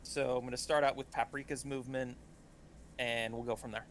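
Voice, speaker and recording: A man narrating as game master of a tabletop game, pausing often with fillers and restarts. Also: mid-range voice, level tone, slight background noise. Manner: halting, many fillers and restarts.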